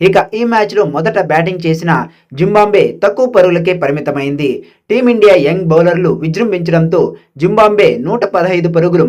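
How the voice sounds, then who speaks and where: A man narrates a scripted sports recap in a notably high-pitched voice. He moves through the script at a quick clip, in the role of a highlights narrator.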